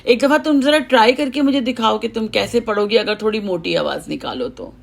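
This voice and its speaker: A woman with a heavy, low voice teaching recitation, patiently correcting and chanting example lines. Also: a little fast, gravelly. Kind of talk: teaching recitation over a call, with sung examples.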